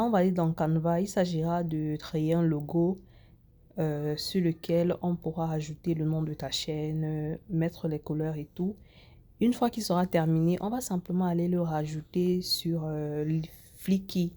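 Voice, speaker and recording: A woman hosting a casual screen-recording tutorial, talking straight to the viewer and reading English screen text haltingly. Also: lowish voice, fairly even intonation, mellow. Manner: chatty, talks straight to the viewer. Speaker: tutorial host.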